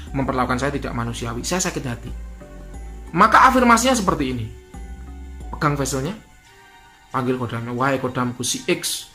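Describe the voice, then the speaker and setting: A man's voice: mid-range voice, bright, forceful tone. A man giving an instructional talk as a spiritual teacher, repeating key points and asking rhetorical questions.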